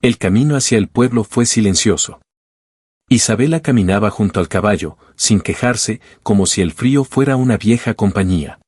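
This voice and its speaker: A man narrating a scripted story in an even, measured reading. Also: fairly low pitch, breathy edge, dry recording, studio quality.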